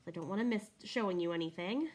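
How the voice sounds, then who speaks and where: A slightly breathless woman reviews a Bible in a warm, talkative way, walking through the pages as she goes. Her voice is on the low side with a darkish tone, and she talks fast.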